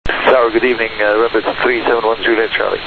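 A man's voice: lowish voice, flat delivery, quick pace, gravelly. A man speaking as a pilot over the radio, using clipped radio phraseology with brief hesitations between call-outs. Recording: tinny radio band with hiss.

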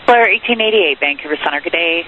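Male air traffic controller, procedural instructions, slightly high voice, thin tinny radio link. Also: expressive, fast talker. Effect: aviation radio transmission. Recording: tinny hissing radio channel.

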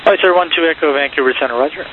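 Male air traffic controller, brisk procedural delivery, thin phone-like radio sound with hiss. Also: on the high side. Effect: radio transmission. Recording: tinny narrowband radio with hiss.

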